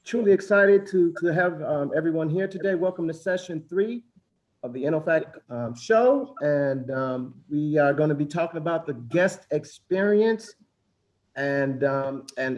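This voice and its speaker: A man's voice: on the high side, a little mellow, highs cut off. A man moderating an online conference panel. He sounds upbeat and welcoming, with a lot of ums and restarts as he introduces the guests. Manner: upbeat, many fillers and restarts.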